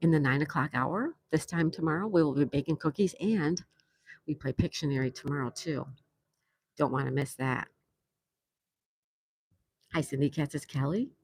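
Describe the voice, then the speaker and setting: An older woman from New York chats on a casual livestream from her patio, reading viewer messages aloud and laughing a lot. Her low voice moves at a moderate pace with frequent pauses, a little mellow and edged with breathiness, with no room sound.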